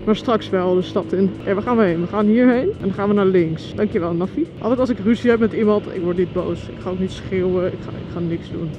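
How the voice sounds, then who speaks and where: A woman motovlogging while riding through city traffic, chatty and excitable, talking to her viewers. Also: mid-range voice, brisk, few pauses. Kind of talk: casual chat while riding. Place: outdoors in city traffic on a scooter. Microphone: helmet mic. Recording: dull lo-fi helmet audio with music. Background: music.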